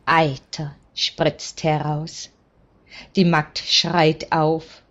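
A woman reads a story aloud at a very slow pace, calm and measured. Her voice sits low, and the recording sounds dull and lo-fi. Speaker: story reader.

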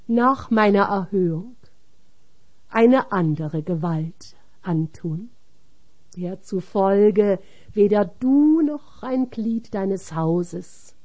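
Woman reader, solemn scripted reading, very slow, dark mellow tone. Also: medium pitch.

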